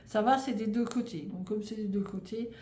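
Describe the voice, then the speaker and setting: A woman's voice: medium pitch, normal speed, warm tone. A French woman in her thirties chatting casually about knitting, rambling and stumbling over her words with lots of fillers and restarts. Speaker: knitting vlogger. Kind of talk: casual chat. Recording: echoey room, faint background noise.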